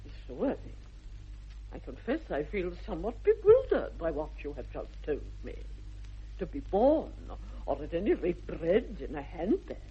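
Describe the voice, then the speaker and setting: A woman's voice: fairly low pitch, slightly rough, exaggerated voice. An actress playing a formidable, snobbish older aristocratic lady with an upper-class English accent in a British radio comedy of the 1960s, haughty and theatrical. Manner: imperious, haughty, theatrical swooping delivery. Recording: dull vintage radio recording.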